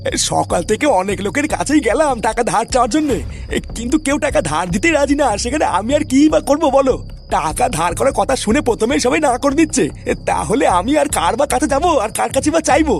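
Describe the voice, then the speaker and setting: A man's voice: extremely high pitch, big pitch swings, fast talker, gravelly, soft background music, heavily acted. An actor voicing a lazy, hungry middle-aged husband in a cartoon, pleading and whining at his wife. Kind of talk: Bengali cartoon dub.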